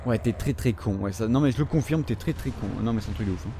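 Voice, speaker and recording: A man's voice: mid-range voice, fast talker, music in the background. A young man with a French accent commentating his gameplay, swearing constantly and scolding the characters on screen. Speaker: gamer.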